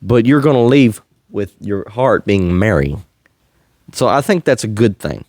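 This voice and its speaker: A man's voice: lowish voice, expressive, unhurried, darkish tone, no echo, clean studio sound. A man hosting a faith-based podcast, talking in an earnest, slightly preachy way and chuckling often. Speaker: podcast host. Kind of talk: faith-based casual chat.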